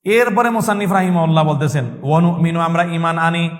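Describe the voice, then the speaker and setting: A man's voice: a little high, fairly even intonation, quick pace, big-room sound. A male Islamic teacher giving a religious lesson, asking questions and answering them himself, repeating key points and chanting Arabic verses. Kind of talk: religious lesson in call-and-response.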